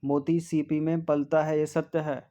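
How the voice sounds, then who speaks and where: A male tutor working through exam spelling questions, slowly repeating each word and checking answers with frequent "ठीक है". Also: fairly high pitch, flat delivery, dark tone. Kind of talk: test-series answer walkthrough.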